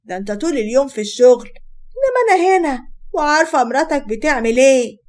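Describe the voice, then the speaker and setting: A woman's voice: high voice, big pitch swings, fast. Woman doing a stern, commanding Egyptian mother. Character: stern protective Egyptian mother-in-law, older.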